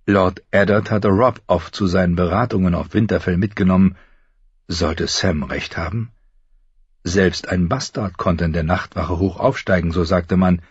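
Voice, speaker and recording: A man reading an audiobook in a low, measured narrating voice, close to the mic. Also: husky, no echo. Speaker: audiobook reader. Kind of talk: scripted narration. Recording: slightly dull recording.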